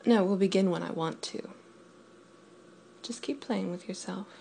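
A woman in an intimate audio roleplay, speaking in a commanding, teasing way, often dropping to a whisper, and counting down slowly. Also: mid-range voice, creaky, warm tone, a little hiss or hum. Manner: slow counting down.

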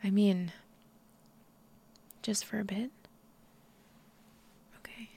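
A young woman speaks right up against the microphone in a soft, husky whisper with a gravelly edge. Her delivery is slow and unhurried, and her tone sits dark and mellow. She talks shyly and haltingly, and she giggles often. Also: medium pitch, fairly even intonation. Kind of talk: intimate whispered audio roleplay. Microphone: close microphone.

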